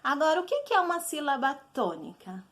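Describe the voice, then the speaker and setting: A woman's voice: sits high, sing-song, fairly quick, a bit bright. A woman teacher with a Brazilian Portuguese accent, patiently explaining a recorded lesson to children and checking in often.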